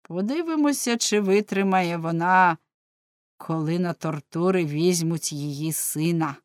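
A man's voice: a little high, measured pace, clean tone, no echo, studio quality, lightly acted. A woman playing a stern commanding judge. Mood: cold. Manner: commanding, cold. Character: stern male judge giving harsh orders. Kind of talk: audiobook reading.

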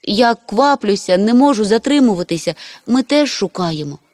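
A woman voicing a small, eager young troll boy in a storybook, in a raised, excited voice. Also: medium pitch, moderate pace, no echo, studio quality, voice pushed up, lightly acted.

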